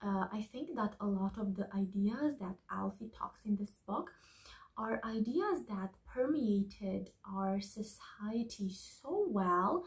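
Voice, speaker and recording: A woman giving a soft-spoken ASMR book review, talking slowly and slipping into whispers. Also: mid-range voice, animated, low-quality recording. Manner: slow, soft, partly whispered talk.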